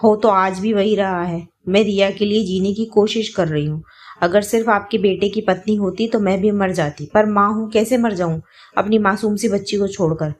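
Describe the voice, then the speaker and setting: A woman's voice: medium pitch, moderate pace, darkish tone, natural voice. A woman voicing a grieving young widow who speaks tearfully and pleads in a spoken story. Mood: anguished outburst.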